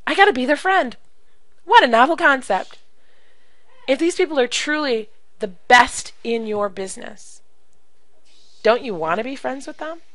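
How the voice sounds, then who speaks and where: A woman coaching direct sales in an animated, emphatic way, acting out phone calls as she teaches. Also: high-pitched, unhurried, long pauses, no room sound, rough recording. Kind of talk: coaching video talk to camera.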